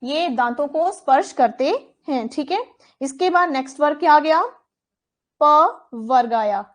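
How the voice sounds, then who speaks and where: Slow, high-voiced woman teaching Hindi. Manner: slow, repeats terms and asks then answers her own questions. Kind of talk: exam coaching lesson.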